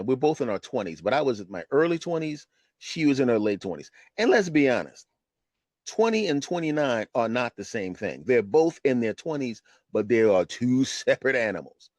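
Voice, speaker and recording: A man in his fifties, a retired comedian, telling a personal story on his podcast in an animated, conversational way. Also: mid-range voice, normal speed, no room sound. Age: 50s. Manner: animated, conversational, keeps asking "right?". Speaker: podcast host.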